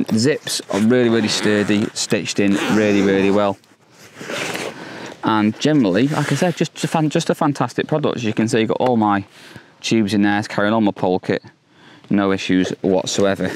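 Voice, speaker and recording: A man's voice: fairly low pitch, slight background noise. A man in his thirties hosting a fishing channel, reviewing a product to camera outdoors by a lake, upbeat and enthusiastic with frequent fillers and restarts, on a lapel mic. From England.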